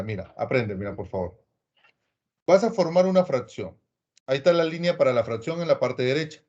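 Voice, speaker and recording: A man teaching trigonometry to a class in a lively way, often acting out what his students might say and calling them by name. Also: mid-range voice, lo-fi sound. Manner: lively, acts out imagined student replies; addresses students by name, coaxing. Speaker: math teacher.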